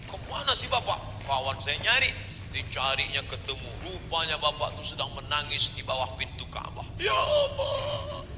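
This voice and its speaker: High-voiced animated male preacher, echoing hall. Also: normal speed. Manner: animated, dramatizes stories and chants verses. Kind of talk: sermon. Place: large mosque hall. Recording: long reverb of a large hall, faint noise.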